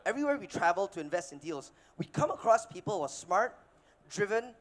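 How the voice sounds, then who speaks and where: A man in his thirties from Malaysia, giving a casual, energetic keynote on a conference stage with filler words and restarts. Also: sits high, a little fast. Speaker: keynote speaker, investor. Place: conference stage before an audience.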